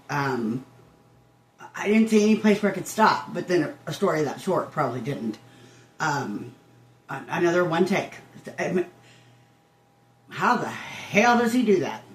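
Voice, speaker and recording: An older woman giving a casual reaction commentary, rambling and interrupting herself like a chatty old woman. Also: deep voice. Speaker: reaction video host. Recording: roomy echo, guitar music behind.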